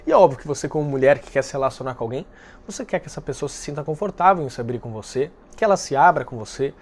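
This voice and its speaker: A man hosting a dating-advice video, speaking calmly and directly to the viewer, explaining step by step. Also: mid-range voice, rapid-fire. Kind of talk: direct-to-camera advice talk.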